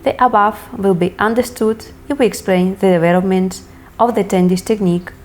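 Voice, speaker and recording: A woman instructor reading scripted lesson narration in a measured, deliberate way, setting out each step separately. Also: medium pitch, fairly even intonation, a little mellow. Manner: measured, deliberate, enunciating list items one by one. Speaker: hypnosis course instructor.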